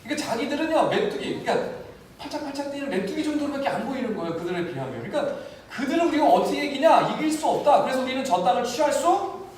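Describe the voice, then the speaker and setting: A male pastor preaching an animated sermon, acting out the voices of the people and of God, recorded from a distance in a church. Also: extremely high pitch, quick pace. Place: church sanctuary. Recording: very echoey church hall, mic from a distance, faint noise.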